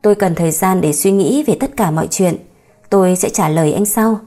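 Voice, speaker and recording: A woman's voice: lowish voice, fairly quick, dark tone, soft background music. A woman voicing a wary young wife in an audiobook story, cool and guarded.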